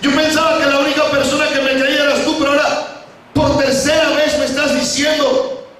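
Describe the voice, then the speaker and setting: A man's voice: high voice, big pitch swings, measured pace, slight background noise, voice pushed up. A man acting out a grieving, pleading repentant male apostle in a raised voice, in an echoey hall from far off.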